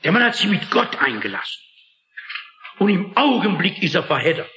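A man's voice: sits high, very animated, moderate pace, noisy background. A man preaching a sermon in an emphatic, dramatic manner, often asking the listeners rhetorical questions. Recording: echoey, dull lo-fi recording.

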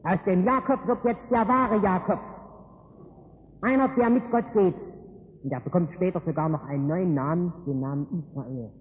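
A man's voice: high voice, normal speed, slight background noise. A man preaching a sermon, retelling a Bible story in a folksy, colloquial way. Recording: echoey hall over a tinny line.

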